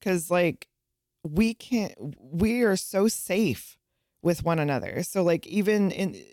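Podcast co-host, woman, lowish dry voice, candid and giggly. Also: slow pace, a little mellow, no room sound. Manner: laughing often, candid, swears casually. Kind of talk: casual chat.

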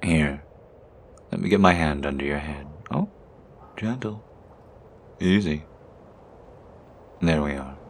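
A friendly stranger, played by a man, talks warmly and reassuringly in a very deep, slightly gravelly voice. He is chatty and cheerful, like a helpful passerby, in an audio roleplay. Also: slow pace, pauses often, a little hiss or hum, heavily acted.

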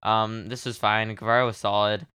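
A man's voice: lowish voice, little pitch movement, moderate pace, pushed and bright, clear, resonant tone, dry recording. Podcast co-host, male, casual recap delivery with frequent laughs, resonant tone, dry close sound. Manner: reads match notes, laughs often. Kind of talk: casual wrestling recap chat.

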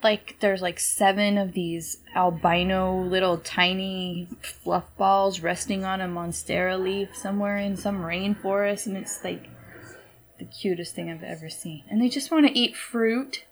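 A woman's voice: medium pitch, steady tone, unhurried, low-quality recording. A woman chatting casually and rambling from one thought to the next, swearing now and then. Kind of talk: casual chat. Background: background music.

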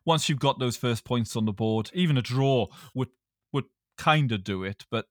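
A man with a Welsh accent hosting a casual podcast chat in a hesitant, halting way. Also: medium pitch, dry recording, studio quality. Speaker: podcast host.

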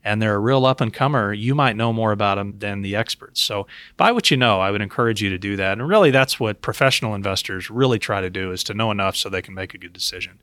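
Low-voiced man hosting an advice podcast. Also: quick pace, a bit bright, no echo. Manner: explanatory, addresses listeners and co-host directly. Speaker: podcast host and investment professional. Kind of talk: podcast talk giving investment advice.

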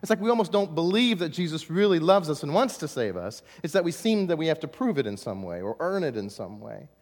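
A man preaching a sermon in a dramatic way, dropping to a hush and then rising to emphatic points. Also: a little high, big pitch swings, fairly quick, big-room sound. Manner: dramatic, swings from hushed to emphatic. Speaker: pastor.

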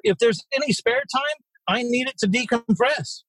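Husky, high-voiced blunt male guest. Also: lively intonation, moderate pace, a bit bright, dry recording, rough recording. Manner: blunt and salty, with mild swearing. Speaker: podcast guest, real estate investor. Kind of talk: casual interview storytelling.

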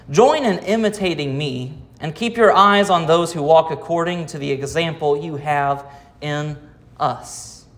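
American man preaching with dramatic pauses. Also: fairly high pitch, a bit bright. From United States. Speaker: pastor. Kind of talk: sermon.

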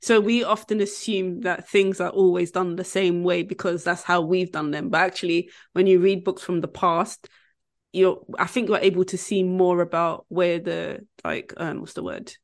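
A woman's voice: fairly low pitch, steady tone. Chatty woman hosting a podcast. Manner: chatty, searches for words with fillers and quick apologies. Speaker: podcast host. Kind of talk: casual podcast conversation.

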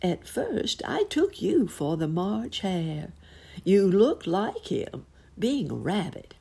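A woman voicing a smug, friendly smiling cat in a storybook, with playful, drawn-out delivery. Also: mid-range voice, big pitch swings, creaky, dark tone, breathy edge, voice pushed up, full character voice. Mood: cheerful.

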